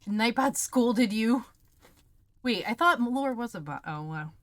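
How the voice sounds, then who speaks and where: Her pitch sits on the high side with lively intonation, and she talks unhurriedly with no room sound. She's a livestream host chatting casually over snack taste tests, candid and exclamatory, with plenty of swearing.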